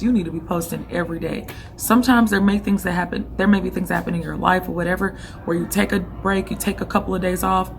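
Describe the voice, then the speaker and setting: A young woman whose hoarse, lowish voice is giving out offers casual vlog tips on running an online boutique. She coaches directly, repeatedly checking in with the listener, over slight background noise.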